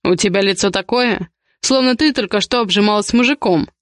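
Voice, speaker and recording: A woman reading as a domineering, possessive young man in a romance audiobook, giving low, menacing commands. The reader keeps close to her own mid-pitched voice for him. The sound is dry and close-miked. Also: a little fast, no room sound, lightly acted. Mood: commanding.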